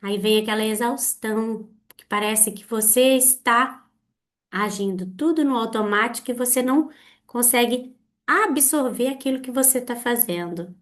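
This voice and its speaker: A woman with a Brazilian Portuguese accent, hosting a therapy podcast, speaking earnestly to listeners with repeated rhetorical questions. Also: fairly high pitch. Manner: earnest, repetitive rhetorical questions, slow halting delivery. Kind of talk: reflective monologue addressing listeners.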